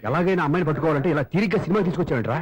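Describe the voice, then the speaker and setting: A man's voice: fairly high pitch, expressive, racing, natural voice. An actor playing a patient young professional, dry and exasperated with his pal. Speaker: friend of the comic. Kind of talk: film comedy dialogue.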